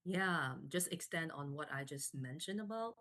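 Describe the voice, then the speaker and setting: Speaking at a normal speed in a deep, expressive voice, a woman in her forties from Canada shares her story softly as a guest in a live online interview, often using fillers and restarting.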